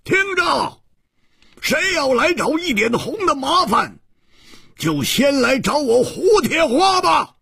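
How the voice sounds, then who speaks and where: A man voicing a rash, hot-headed young male swordsman who shouts and blames himself. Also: very high-pitched, huge pitch swings, slow, dry recording, clean studio sound, voice pushed up, heavily acted. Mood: roaring. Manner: shouting, loud and self-reproaching.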